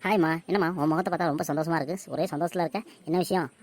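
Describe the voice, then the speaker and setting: A woman's voice: sits low, fairly even intonation, racing, slight background noise, pitched below the performer's own voice, natural voice. A woman voicing a stubborn young adult son in a cartoon, who protests and refuses. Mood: cheerful.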